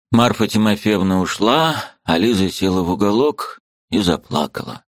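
A man narrating a classic novel as an audiobook, expressive and measured. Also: sits low, no echo, studio quality.

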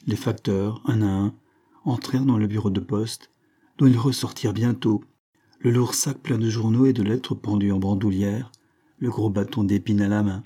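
A man narrating a classic novel in a calm, measured audiobook reading. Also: on the low side, slightly rough. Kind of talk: scripted literary narration.

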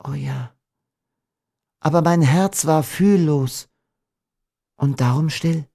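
A gentle young woman in a storybook reading, tender and doomed, put on by a male narrator. The voice sits higher and softer than his own and moves slowly. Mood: tender, pleading. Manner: soft, pleading, raised pitch.

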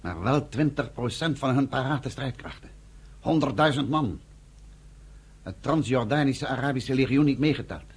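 In a radio drama, a male actor portrays a weary, grave commander of an underground army, using a husky, gravelly mid-range voice. The delivery is grim, with lively intonation at a moderate pace.

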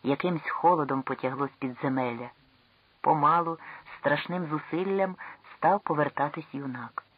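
Dramatic literary narrator, breathy and husky, dry slightly dull recording. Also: medium pitch, moderate pace, no room sound. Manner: tense, dramatic storytelling. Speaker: audiobook reader. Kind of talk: literary narration of a classic story.

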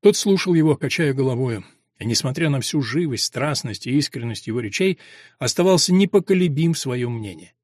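A male narrator reads a classic novel aloud in a measured, expressive way, slowing down for the weighty passages. His voice is mid-pitched and the recording is dry and close, with no room sound. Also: no room sound. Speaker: audiobook narrator. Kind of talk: scripted literary narration.

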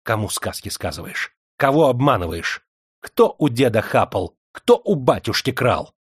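A harsh, domineering young heir played by a man snarls his threats loudly. The voice sits higher than his narration and stays hard and menacing. The recording is dry and close. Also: normal speed, no echo, natural voice. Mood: furious.

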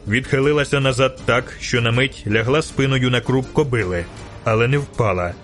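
Man narrating an audiobook, mid pitch. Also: normal speed, soft background music. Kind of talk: scripted narration.

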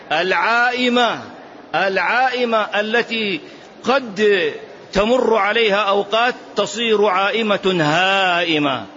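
Man teaching a lesson, higher-pitched voice. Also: sharp tone. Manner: repeats key phrases for emphasis, sometimes draws them out in a chant. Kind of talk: classroom explanation of a text. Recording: dull lo-fi lesson recording.

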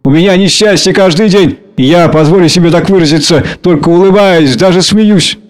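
A man's voice: high voice, a little fast, pitched above the performer's own voice, lightly acted. A man reading aloud, voicing a pompous, clumsy, self-pitying clerk. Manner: fussy, long-winded, self-pitying.

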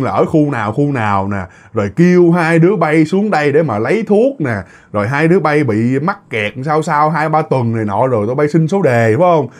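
A man's voice: on the high side, a little mellow. A man voicing a stern forest spirit speaking through a possessed man, bluntly rattling off facts.

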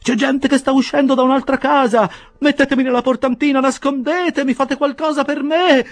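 A man voicing a panicked young gentleman caught outdoors in his nightgown, shouting shrilly for help. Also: very high voice, fairly even intonation, fairly quick, voice pushed up.

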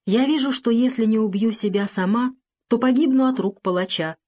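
A woman reading the part of a gentle, devout young enslaved woman in an audiobook, with a tremulous, pleading delivery. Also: on the high side, fairly quick, pitched above the performer's own voice, lightly acted. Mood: desperate prayer.

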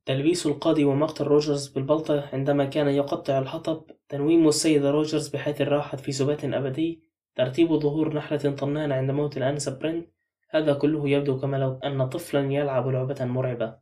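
A tense, insistent young woman, read by a man. Fast and urgent in a dark, mellow tone. The mic is a little far off. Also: a little high, flat delivery, natural voice. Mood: frantic.

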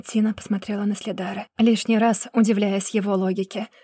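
A woman narrating a story in an even, measured reading voice. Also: mid-range voice, breathy edge, dry recording.

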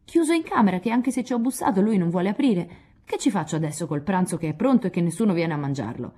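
A woman's voice: on the low side, animated, quick pace, mellow, breathy edge, voice pushed up. A woman reading aloud, voicing a flustered housemaid who rambles fretfully.

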